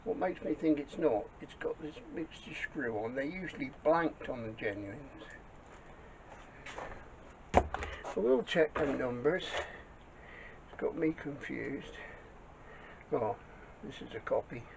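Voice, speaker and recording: Repair vlogger: gravelly, slightly high man, muttering workshop commentary, dull lo-fi audio. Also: lively intonation, slow pace, pauses often. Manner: muttering to himself while working. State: out of breath. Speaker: small engine repairer. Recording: dull lo-fi audio with clear background noise.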